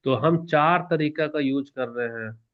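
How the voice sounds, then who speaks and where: A male teacher giving an exam-prep lecture in a lively manner, asking questions and answering them himself while shifting between soft and loud. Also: a little high, a little slow, lo-fi sound. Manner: animated, varies loudness and pace, asks questions and answers them himself.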